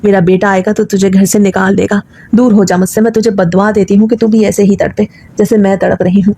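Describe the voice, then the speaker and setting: A woman voicing a confused elderly mother who shouts curses and accusations, in a storybook reading. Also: medium pitch, level tone, breathy edge. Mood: furious.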